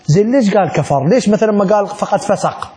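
A middle-aged man with an Iraqi Arabic accent teaches a class on Islamic law, his voice sitting high and mellow with lively intonation as he talks fast. He asks the students rhetorical questions and acts out little dialogues.

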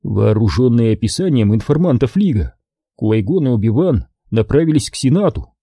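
A man narrating an audiobook in an animated storytelling manner. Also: mid-range voice, moderate pace, slightly rough, dry recording, clean studio sound.

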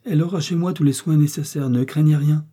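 A man reading an audiobook, voicing a domineering, coldly ironic prince with a dark, husky voice. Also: on the high side, fairly even intonation, fairly quick, voice pushed up. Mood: cold, commanding. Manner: commanding, cutting and sarcastic.

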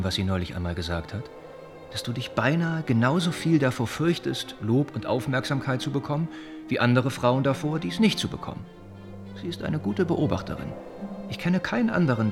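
In a radio drama, an actor with a medium-pitched voice plays an earnest young gentleman who gently reproves others. His phrasing is thoughtful and formal.

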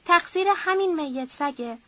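A woman's voice: high-pitched, expressive, no room sound, muffled recording. A woman reading an audiobook, voicing a furious, domineering older father who hurls coarse threats. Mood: raging. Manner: shouting threats, harsh and coarse.

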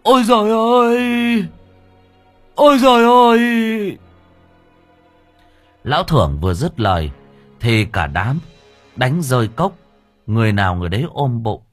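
A man narrates an audiobook in a crude, colloquial way. His voice sits low but moves a lot. The recording is dry and close. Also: slightly rough, no echo. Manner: lively, crude colloquial storytelling. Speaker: storyteller.

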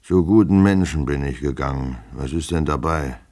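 A man's voice: rumbling low, moderate pace, darkish tone. A man voicing a drunken, sullen male servant with a grumbling, stubborn way of talking.

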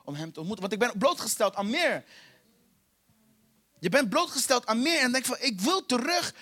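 High-voiced impassioned male preacher. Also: big pitch swings, normal speed. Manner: impassioned, repetitive, swings between soft and loud. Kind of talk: sermon.

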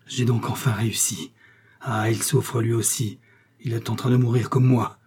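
A man's voice: mid-range voice, level tone, moderate pace, a little hiss or hum, natural voice. A man voicing a dying, vengeful male criminal who rants and gloats in triumph. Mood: gloating. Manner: shouting, triumphant ranting.

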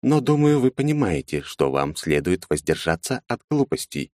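A man voicing a tall insect-helmed alien man who is calm and polite, with a pleasant, slightly mechanical voice. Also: sits low, moderate pace, no room sound, studio quality, voice pushed up. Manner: calm, polite, quietly threatening.

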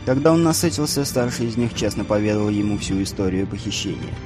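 A man narrating an audiobook in a steady, even storytelling manner. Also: on the low side, fast talker, music in the background.

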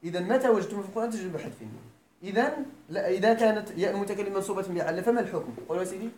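A man's voice: sits high, racing, a little mellow. A man with a Moroccan accent giving a classroom grammar lecture, often quizzing his students and checking that they follow. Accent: Moroccan Arabic. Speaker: teacher of Arabic grammar. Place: lecture room at a Quran school. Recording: echoey room, faint background noise.

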